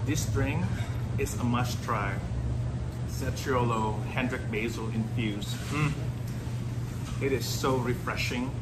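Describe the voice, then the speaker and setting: A man in his forties vlogging a meal in a small restaurant, enthusiastic and savoring every bite. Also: medium pitch. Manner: enthusiastic, savoring food with drawn-out exclamations. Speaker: food vlogger. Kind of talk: casual food vlog. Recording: restaurant noise behind.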